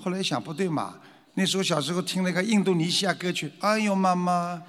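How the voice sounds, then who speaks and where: A man lecturing an audience on traditional culture, animated and full of rhetorical questions, now and then acting out frightened voices. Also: high voice, quick pace, in a large hall.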